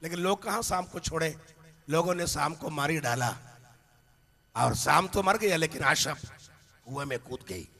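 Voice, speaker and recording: Male preacher, high and sharp-toned, passionate storyteller, recorded with long hall reverb. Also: expressive, moderate pace, creaky, pauses often, husky. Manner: impassioned, builds to shouted climaxes; storytelling with anecdotes. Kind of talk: sermon. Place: large hall with a live congregation.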